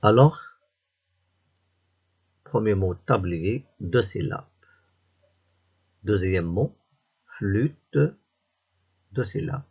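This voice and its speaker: A man with a Moroccan French accent, reading a worksheet aloud to young pupils as their teacher, slowly and deliberately, word by word. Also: fairly low pitch, mellow, slightly rough, dull audio. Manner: slow and deliberate, reading words and syllables one by one. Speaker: primary school teacher.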